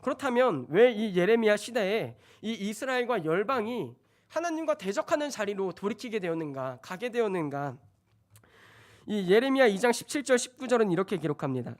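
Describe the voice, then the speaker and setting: A man's voice: high voice, big pitch swings, fairly quick. A man preaching a sermon as a church evangelist, reading scripture aloud and then explaining it in casual everyday speech.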